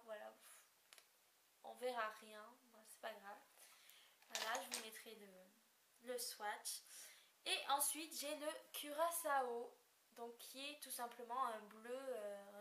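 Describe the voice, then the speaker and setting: Woman, young adult, beauty vlogger, slow hesitant speech, slightly high voice, echoey room, faint hiss. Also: fairly bright tone. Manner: hesitant, many fillers, apologetic about describing colors. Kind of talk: casual haul video.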